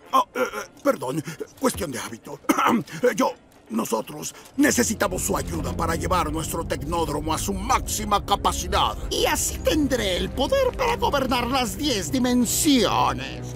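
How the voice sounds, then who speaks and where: A man's voice: high-pitched, huge pitch swings, measured pace, creaky, over music, full character voice. A man voicing a pompous, scornful cartoon supervillain. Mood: pompous, scheming. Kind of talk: animated cartoon dub acting.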